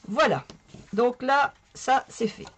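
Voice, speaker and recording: Hoarse French woman chatting through a craft demo. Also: on the high side, takes it slowly. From northern France. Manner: chatty, talks to viewers while working, self-mocking. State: hoarse from a sore throat. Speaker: craft tutorial host. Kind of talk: casual crafting tutorial.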